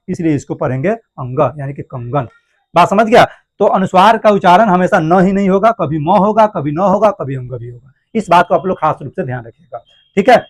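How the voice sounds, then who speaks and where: A man's voice: high-pitched, no room sound. A male teacher, giving a grammar lesson who keeps asking the students questions and answering them himself, and speaks to them affectionately.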